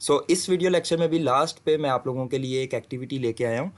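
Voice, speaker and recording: Man teaching slowly. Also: mid-range voice. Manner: slow, deliberate reading of English example sentences. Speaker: English teacher. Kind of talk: video lecture.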